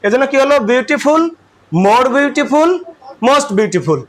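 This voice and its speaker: A man's voice: very high-pitched, sing-song, normal speed. A man with a Bangladeshi accent teaching English grammar to a class, asking questions and repeating the answers.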